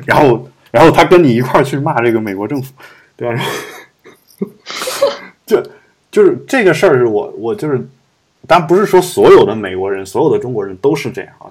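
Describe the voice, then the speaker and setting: A man's voice: medium pitch, a little mellow, slightly rough. A man hosting a podcast, talking through his views in a rambling, reflective way with many fillers and restarts. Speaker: podcast host. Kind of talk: casual podcast discussion.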